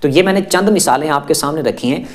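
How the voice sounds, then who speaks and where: A man's voice: on the high side, expressive. A man giving a reassuring, explanatory religious talk to viewers, repeating phrases and listing many examples one after another. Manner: repetitive, lists many examples. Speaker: religious teacher.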